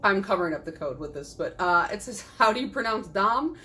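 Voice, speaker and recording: A woman's voice: medium pitch, expressive, a little fast, bright, forceful tone, a little hiss or hum. A young woman talks through a casual haul vlog in a chatty, self-deprecating way, laughing often. She is tired and her voice is going. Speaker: nail polish YouTuber.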